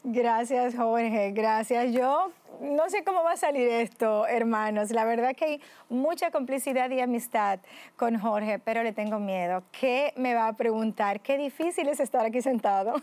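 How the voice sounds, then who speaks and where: Articulate Dominican woman, fairly high voice. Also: normal speed. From Dominican Republic. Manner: articulate, expressive, laughs easily. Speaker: show host and preacher. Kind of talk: interview guest talk.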